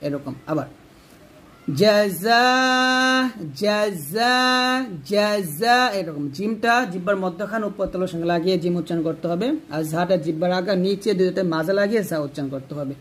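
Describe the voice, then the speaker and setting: A man teaching Quran reading, reciting Arabic words slowly and drawing out the syllables, then explaining the pronunciation rules step by step. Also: high-pitched. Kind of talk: tajweed recitation lesson.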